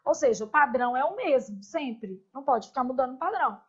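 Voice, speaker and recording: A woman leads a classroom grammar lesson in a high voice. She stretches out each conjugated form and keeps checking in with the class through quick questions. The recording is dull and lo-fi. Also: animated, slightly rough. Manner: spells out verb forms slowly, asks the class rhetorical questions. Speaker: Portuguese grammar teacher.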